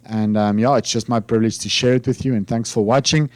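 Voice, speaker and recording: This man talks fast in a low-ish, darkish voice with a steady tone, addressing his finance channel informally to camera; the recording has no room sound. He's South African with a matching accent and grew up speaking Afrikaans. He rambles, hesitates and restarts often, filling gaps with lots of fillers.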